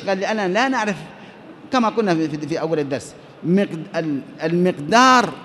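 High-voiced man teaching a lecture. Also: slight background noise. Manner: explanatory, asks and answers his own questions. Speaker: teacher of Islamic jurisprudence. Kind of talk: classroom lecture.

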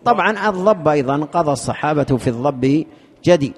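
A man gives a lesson, explaining a legal text in a somewhat high, gravelly voice. He stops often and repeats words while he hunts for the right term. The sound has a long reverb, like a large hall. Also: lively intonation. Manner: halting, repeats words while searching for terms. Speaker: teacher explaining a fiqh text. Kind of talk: lesson commentary.

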